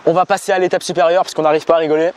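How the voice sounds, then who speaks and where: A man's voice: fairly high pitch, little pitch movement, racing, a little hiss or hum. A young man bantering bluntly in slang and complaining, as in a casual challenge video.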